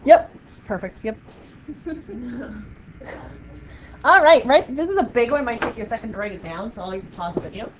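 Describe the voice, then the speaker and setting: Speaking quickly in a fairly high voice, a woman teaches math in an upbeat, playful way, encouraging her students throughout the lecture. It's a muffled classroom recording with faint background noise.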